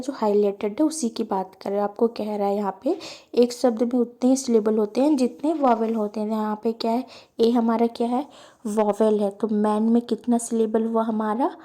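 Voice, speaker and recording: A woman's voice: on the high side, mellow. A woman with an Indian accent teaching an English lesson, reading lines and explaining them with rhetorical questions. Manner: slow, reads English lines then explains them in Hindi; asks rhetorical questions to students.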